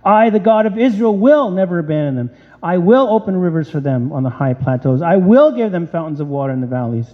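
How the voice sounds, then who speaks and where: A man preaching a sermon, reading scripture aloud and firing off rhetorical questions with animated emphasis. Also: high-pitched, fairly quick. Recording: dull lo-fi sound with long hall reverb.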